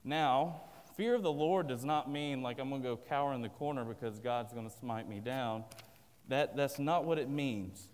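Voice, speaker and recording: A Southern American man preaches an earnest, plain-spoken sermon from a pulpit in a large indoor church sanctuary. His medium-pitched voice is darkish and clean at a normal speed, picked up at the pulpit and filmed by a far camera, with long church-hall reverb.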